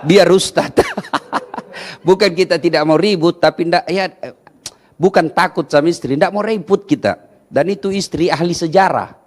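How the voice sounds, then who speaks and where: A male preacher giving a humorous sermon, telling stories with animated energy and acting out the dialogues. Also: a little high, moderate pace. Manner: animated storytelling, acts out dialogues.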